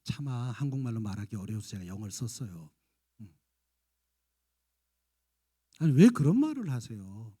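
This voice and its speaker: A man's voice: medium pitch, very animated, normal speed, pauses often, husky. A man in his fifties preaching a sermon, acting out scolding and tender lines in turn. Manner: acts out parents' and children's lines, jumping between shouts and soft coaxing. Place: church sanctuary.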